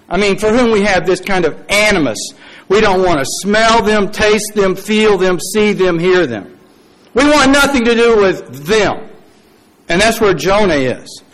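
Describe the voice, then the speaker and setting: A man preaching a sermon, telling a story with dramatic pauses, acted quotes and wry, folksy asides. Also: sits high, fairly bright tone, rough recording.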